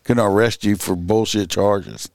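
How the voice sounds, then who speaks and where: A man's voice: fairly low pitch, steady tone, normal speed, no room sound, clean studio sound. A man from Louisiana with a Cajun accent, hosting a podcast in casual chat, talking bluntly and swearing often. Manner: blunt, profane, emphatic. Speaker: podcast host.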